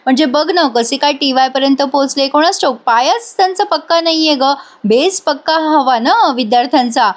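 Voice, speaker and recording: A woman's voice: sits high, animated, moderate pace, few pauses. A woman reading out an evasive male college professor.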